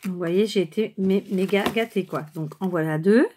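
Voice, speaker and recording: A woman vlogger chatting casually and hesitantly while showing craft cards, often pausing and correcting herself. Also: mid-range voice, darkish tone, a little hiss or hum. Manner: chatty, rambling, many hesitations and self-corrections. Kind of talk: casual unscripted show-and-tell.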